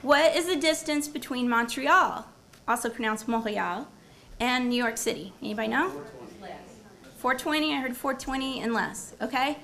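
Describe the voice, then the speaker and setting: At a symposium, a university professor with a gravelly voice gives an academic presentation in a lecture room before a live audience. Her voice is high and a bit bright at normal speed. Engaging, she quizzes the audience and repeats their answers.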